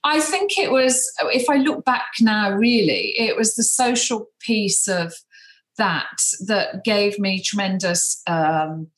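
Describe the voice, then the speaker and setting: A woman's voice: medium pitch, takes it slowly, reverberant, poor audio. A woman in her fifties from the English Midlands, a guest in a podcast interview, chatty and hesitant with many ums. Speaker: guest, beauty brand founder.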